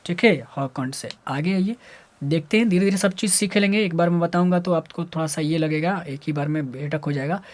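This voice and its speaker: Male Hindi teacher drilling letter sounds. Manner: repeats sounds aloud, asks and answers own questions; jumps between loud drilled syllables and low muttering. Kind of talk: explaining lesson to students.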